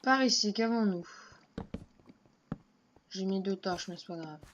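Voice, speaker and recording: Unhurried woman muttering over gameplay. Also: mid-range voice. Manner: muttering to herself, unhurried and offhand. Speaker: let's play gamer. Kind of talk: casual gameplay commentary. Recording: dull lo-fi home mic with faint noise.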